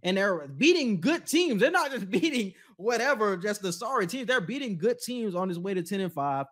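A man's voice: high voice, big pitch swings, moderate pace, a bit bright. A man co-hosting a sports talk show, chatting casually about basketball, laid-back and slangy, laughing often. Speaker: sports podcast co-host.

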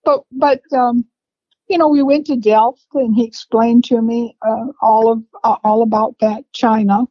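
A woman in her seventies telling family memories in a rambling, unhurried way with laughs between stories. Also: on the high side, fairly even intonation, no echo. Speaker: interviewee, family matriarch. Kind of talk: reminiscing conversation. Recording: dry, slightly dull lo-fi sound.

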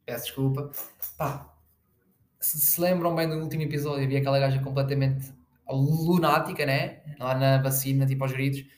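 A man's voice: medium pitch, fairly even intonation, moderate pace, darkish tone, reverberant. A young man with a European Portuguese accent, hosting a casual solo podcast in a rambling, slangy way, full of fillers. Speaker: podcast host.

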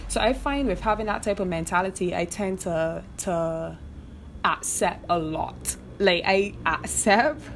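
Speaking at a measured pace, a young woman with a fairly low voice and a Barbadian accent hosts a podcast, over a little hiss or hum. Her casual monologue is frank and full of swearing, and she often asks "you know what I mean."

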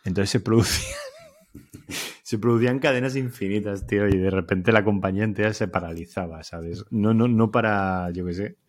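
A man's voice: fairly low pitch, normal speed. A man in his thirties with a Spanish accent, co-hosting a podcast and telling a long, rambling anecdote in easy casual chat. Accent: Spanish from Spain. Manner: rambling, easygoing storytelling with fillers. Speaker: podcast co-host.

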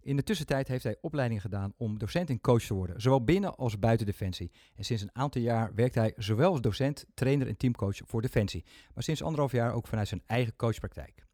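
A man's voice: medium pitch, animated, fast, hardly any pauses, dark tone, no room sound, studio quality. A man hosting a podcast, talking chattily with self-mocking humor into a microphone. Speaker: podcast host. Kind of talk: casual podcast talk.

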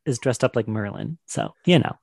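A gravelly-voiced man hosts a casual podcast quiz, chatty and enthusiastic as he talks. His voice is close and dry, with no room around it, and he laughs easily between answers. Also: mid-range voice, wildly swooping pitch, moderate pace, no echo. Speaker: podcast co-host running a quiz. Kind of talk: casual chat.

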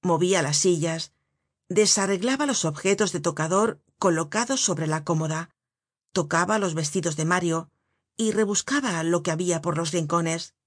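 A woman reads a novel aloud as an audiobook, measured and deliberate in her phrasing. Her voice sits on the low side, close to the mic and completely dry. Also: no echo. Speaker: audiobook narrator. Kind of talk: scripted narration.

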